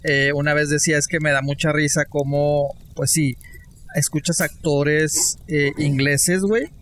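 A man with a Mexican accent, chatting casually as a podcast co-host, slangy and animated, laughing often. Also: on the high side, unhurried, slight background noise. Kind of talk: casual chat.

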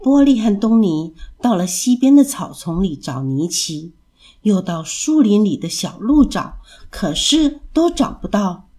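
Animated woman reading a children's story. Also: mid-range voice, unhurried.

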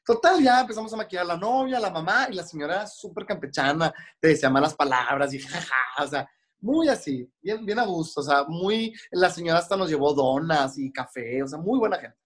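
A man's voice: on the high side, lively intonation, a little fast. A man with a Mexican Spanish accent, a hair and makeup stylist telling stories in casual podcast talk and acting out the voices of the people in them. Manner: chatty, acts out voices of people in his stories.

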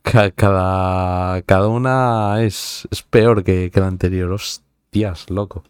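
Low-voiced joking man from central Spain. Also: steady tone, slow, clear, resonant tone, no echo, studio quality. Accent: central Spanish. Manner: joking, swears often, laughs at himself. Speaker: streamer. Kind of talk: casual live-stream chat.

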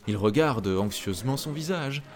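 A man reading a fairy tale aloud in an expressive, dramatic way. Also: medium pitch, moderate pace. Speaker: narrator. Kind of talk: storybook reading. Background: faint music.

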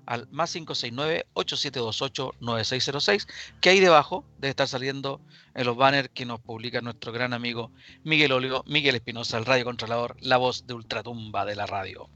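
A man with a Chilean accent hosting a live current-affairs radio show, speaking deliberately with pauses and repeated phrases. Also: mid-range voice, bright, forceful tone. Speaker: radio talk show host.

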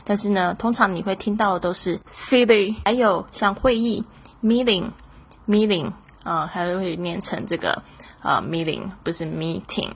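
A woman teaching English, explaining phrases and repeating words slowly, with frequent fillers. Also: medium pitch, slightly rough. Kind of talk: language lesson explanation.

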